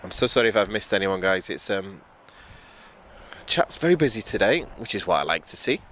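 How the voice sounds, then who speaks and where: Out by an airport, a UK man with a British accent keeps up informal, chatty live commentary for his plane-spotting stream. He speaks low-ish, very animated and brisk, with a fairly bright tone, over city, vehicle and aircraft ambience.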